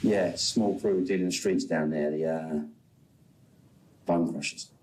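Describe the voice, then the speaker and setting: A British detective in a crime drama. He has a low voice and briefs his superior in clipped, factual phrases with a dry edge. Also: unhurried, a little mellow, a little hiss or hum, rough recording. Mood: persuasive, wry. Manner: clipped, factual, dryly wry. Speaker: police officer.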